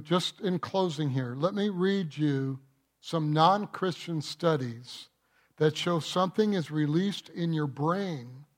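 In a church setting, a man preaching as pastor uses a slightly elevated voice and an unrushed delivery. His sermon is emphatic and full of questions aimed at the listeners.

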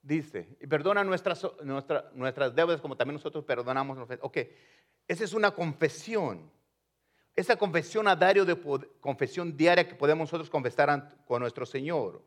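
A male pastor preaches in a relaxed, conversational way. His voice sits a little high, and he moves between two languages as he talks to the congregation. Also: normal speed. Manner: switches between Spanish and English, conversational preaching. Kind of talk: bilingual sermon.

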